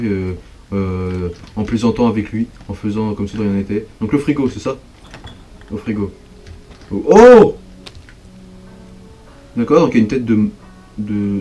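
A young man commenting on a horror game as he plays, jumpy and excitable, talking straight to his viewers. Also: fairly low pitch. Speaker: gaming video creator. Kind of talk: let's play commentary.

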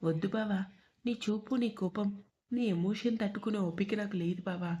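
A young woman from a spoken love story, quick to sulk and quick to tease, read by a woman. Her lines lean affectionate and sarcastic. The voice is mellow rather than bright. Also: mid-range voice, close to an everyday voice. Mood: tearful. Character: young woman, emotional, playful and sulky.

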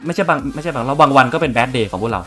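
A man's voice: mid-range voice, expressive, racing, sharp tone. Chatty young male game streamer. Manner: chatty, swears casually, talks to viewers. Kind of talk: casual gameplay commentary.

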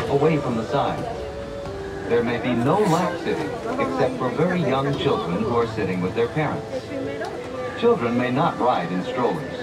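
A man giving a formal, clearly enunciated recorded safety announcement, played over an outdoor loudspeaker. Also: mid-range voice, distant mic. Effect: played over the tram's outdoor loudspeaker.

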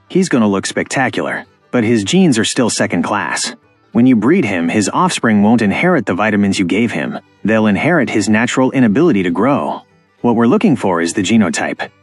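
A man's voice: fairly low pitch, husky, no echo. A man giving an emphatic, instructive scripted voice-over about farm breeding. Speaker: farming channel narrator. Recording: dry close voice-over with faint music.

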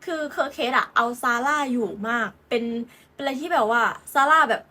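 A young woman with a bright, high voice talks through football transfer news in a loose, chatty way. She giggles often and fills her talk with fillers and playful asides, like a host gossiping with her viewers. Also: brisk. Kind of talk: casual football transfer chat.

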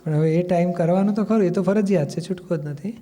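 A Gujarati-accented man gives a spiritual discourse in an easy, conversational way. His voice sits fairly high for a man but sounds warm and mellow. Now and then he acts out family quarrels in quoted voices. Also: fast talker. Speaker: spiritual teacher.

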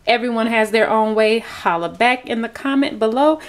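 A Florida woman with a slightly high voice talks at normal speed through a home cooking vlog, filmed on a camera in her kitchen. She's casual and self-deprecating, with lots of fillers.

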